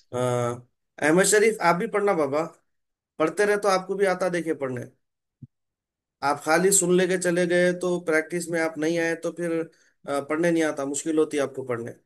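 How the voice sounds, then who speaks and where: Patient male religious reading teacher. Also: on the high side. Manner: patient, corrects and models syllables slowly. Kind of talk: online reading class.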